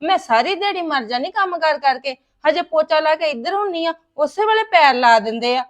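An actress with a high-pitched, natural voice plays a married daughter who vents to her mother about her in-laws. Her complaints come out rapid and aggrieved in this domestic web drama.

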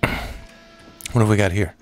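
A man giving let's play commentary on a horror game, swearing a lot, rambling and breaking into excited outbursts. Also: on the low side, slow pace, soft background music. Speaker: gaming video host.

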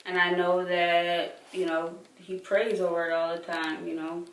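A woman's voice: on the low side, level tone, a little hiss or hum. A middle-aged woman from Michigan, a player's mother, speaking earnestly in a sit-down interview on a living room sofa. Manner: earnest, praising, measured. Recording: roomy, distant mic.

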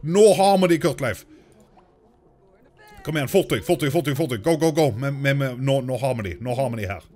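A Norwegian man chatting casually through a let's-play, talking to his game characters and getting excitable. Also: mid-range voice, few pauses. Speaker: gaming YouTuber.

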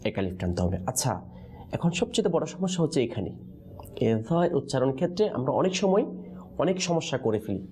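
Lively, mellow-voiced male Quran teacher. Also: on the high side, fast. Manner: call-and-response teaching, prompting answers with questions. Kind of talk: classroom lesson in letter pronunciation.

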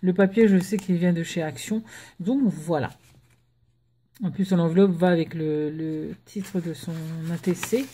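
A woman chatting casually at home as she opens her mail, keeping her voice down and pausing often with fillers. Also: lowish voice, slightly rough. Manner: chatty, hesitant with many fillers; talking softly while children nap. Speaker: crafting vlogger. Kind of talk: casual unboxing chat.

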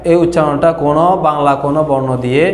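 A man teaching Quran reading letter by letter, explaining patiently and slowly drawing out each sound. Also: on the high side, fairly even intonation, a little hiss or hum. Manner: slow, repetitive explanation, drawn-out letter sounds. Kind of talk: online recitation lesson. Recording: echoey room with long reverb.

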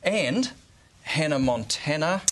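A man's voice: on the high side, animated, slow pace, a bit bright. A man with a New Zealand accent, a fabric retailer, giving a casual, enthusiastic sales presentation.

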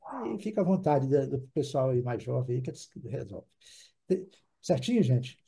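A man's voice: mid-range voice, lively intonation, normal speed, warm tone, breathy edge. A man teaching an online English class in Portuguese, patiently repeating words for drills and checking in with the class.

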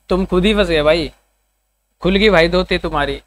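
A man livestreaming and bantering with his chat, with a sore, hoarse throat and a teasing, foul-mouthed manner. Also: high voice, a bit bright, dry recording. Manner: teasing, swears freely, quick comebacks. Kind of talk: casual live stream banter.

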